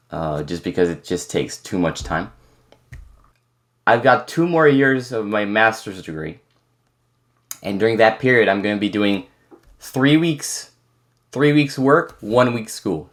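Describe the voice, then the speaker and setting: A young French man in his twenties, a native French speaker with a mostly American-sounding English accent, casually answering viewer questions and rambling with many restarts. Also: lowish voice. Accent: American-leaning English with slight French. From France. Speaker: content creator. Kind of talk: casual Q&A chat.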